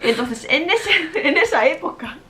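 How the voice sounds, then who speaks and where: In a relaxed interview, a woman who teaches Spanish, originally a Japanese speaker, tells lively stories in fluent Spanish with plenty of laughter and fillers. Her voice sits high and her pace is measured. There's slight background noise.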